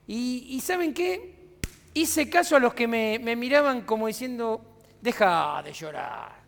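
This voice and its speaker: An Argentine pastor with a Rioplatense accent preaches in a church sanctuary, his extremely high, slightly bright voice trailing off in long reverb. He keeps the sermon conversational and questions the congregation rhetorically.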